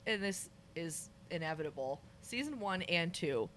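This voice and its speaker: A woman's voice: fairly low pitch, animated, moderate pace, fairly bright tone, slight background noise. A young woman co-hosting a podcast, chatting casually about a TV season and hedging a lot with "like" and "I feel like". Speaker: podcast co-host. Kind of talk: casual chat reviewing a TV season.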